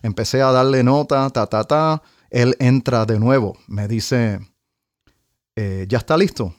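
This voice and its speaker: A man's voice: mid-range voice, slow pace, dry recording, clean studio sound. A man, a trumpet player, telling an anecdote in casual conversation and scatting out rhythms and melodies as he goes. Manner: animated, sings out rhythms and melodies. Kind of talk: conversational storytelling.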